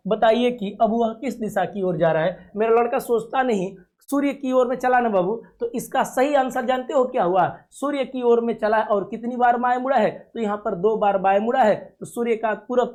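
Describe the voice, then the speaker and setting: A man's voice: extremely high pitch, a little mellow. A man teaching a reasoning lesson to students for a coaching video. He talks confidently, promises results and often checks whether the class has understood. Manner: coaxing, asks "clear?" often, calls students dear children.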